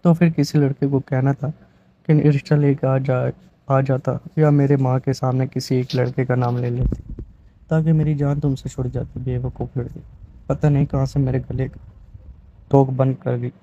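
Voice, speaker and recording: A man's voice: medium pitch, level tone, dark tone, lo-fi sound, slight background noise, close to an everyday voice. A man reading the lines of an angry, stubborn young husband in a storybook reading, harsh and threatening.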